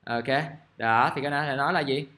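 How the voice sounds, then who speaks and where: A man, teaching English grammar in a casual, chatty way and reading example sentences out slowly. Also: mid-range voice, sharp tone, a little hiss or hum. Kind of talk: casual classroom explanation. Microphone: recording device at his desk.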